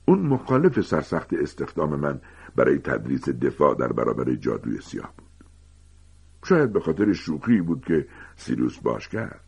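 A man voicing a gentle, weary grown male teacher who calmly confides old secrets in a storybook reading. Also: very deep voice, vocal fry, breathy edge, full character voice. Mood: confiding. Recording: dull lo-fi recording.

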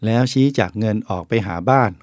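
A man's voice: on the low side, a little fast, darkish tone, no room sound, studio quality. A man, a Buddhist monk, reading a book of essays aloud in a plain, explanatory way and speaking directly to the listeners.

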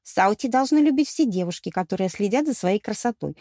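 A fussy older mermaid nurse from an audiobook, played by a woman narrator. She speaks in a raised, fluttery voice with a warm, dark tone. The recording is dry and close. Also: animated, brisk, dry recording. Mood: agreeable. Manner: agreeable, then shrill and startled.

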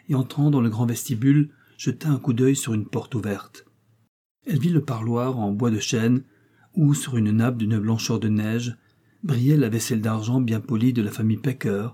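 Husky dark-voiced male narrator. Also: mid-range voice. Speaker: audiobook reader. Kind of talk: scripted narration.

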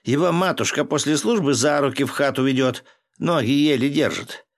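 A man's voice: medium pitch, moderate pace, voice pushed up, natural voice. A man voicing a young soldier who jeers and mocks a comrade by the campfire in an audiobook. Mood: mocking. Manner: mocking, jeering. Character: mocking male soldier, young, jeering at a comrade.

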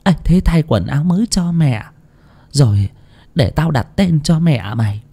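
A man voicing a very old, toothless village woman who speaks bluntly and in a hushed way. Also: a little high, animated, a little slow, slightly rough, pitched above the performer's own voice, heavily acted. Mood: hushed, matter-of-fact. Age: 80s.

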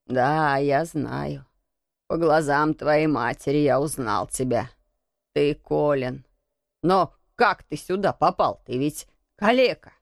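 A woman voicing a gruff old male Yorkshire gardener who speaks in a shaky, muttering way. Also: lowish voice, animated, unhurried, fairly bright tone, no room sound, studio quality. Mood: shaken. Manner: trembling, muttering.

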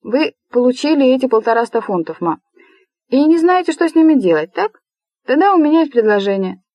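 A woman's voice: high-pitched, very animated, a little fast, voice pushed up. A woman playing a brash, rude young man. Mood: eager. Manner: loud, blunt, bossy.

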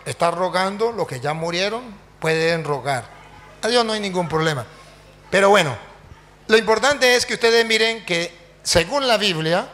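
Priest guy preaching, tells stories, fires off rhetorical questions, high bright voice. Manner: animated storytelling with rhetorical questions. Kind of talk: sermon with anecdotes.

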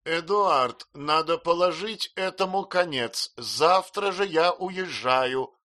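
A man voicing a stern, domineering older spinster who speaks in a loud, imperious, clipped voice. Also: a little high, sing-song, slow, voice pushed up, full character voice. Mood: indignant.

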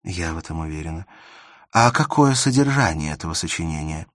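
A man's voice: rumbling low, animated, brisk, no echo, clean studio sound. A man reading aloud voices a serious young woman who asks pointed, cool questions. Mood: curious.

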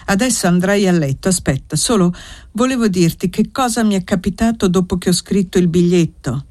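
A man's voice: sits high, fairly quick, darkish tone, no echo, clean studio sound, natural voice. A reader voicing Paolo, a young indebted nobleman who coaxes his lover and lies to her. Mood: coaxing. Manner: urgent, coaxing, lying.

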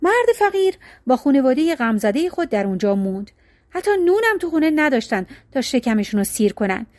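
A woman narrating a folk tale with an expressive storybook cadence. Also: sits high, no echo, studio quality.

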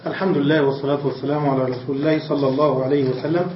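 A man's voice: fairly high pitch, flat delivery, racing, a little hiss or hum. A man, a religious scholar, giving a classroom grammar lecture, asking questions and answering them himself. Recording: distant, roomy, dull lecture recording.

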